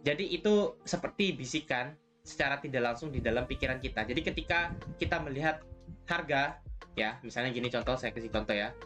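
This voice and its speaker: A man's voice: medium pitch, animated, brisk, a bit bright, faint music behind. A man mentoring trading students in a casual, chatty lesson, often tagging his sentences with little checks for agreement. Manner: chatty, repeats "ya kan" and "gitu" often.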